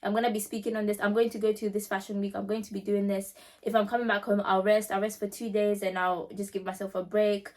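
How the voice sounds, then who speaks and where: A woman's voice: mid-range voice, little pitch movement, fast talker, few pauses, a little mellow. A woman hosting a casual question-and-answer vlog, speaking directly to her viewers in an emphatic way and repeating phrases for stress. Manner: conversational, addresses listeners directly. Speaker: pageant winner and vlog host answering questions. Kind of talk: casual chatty Q&A talk to viewers.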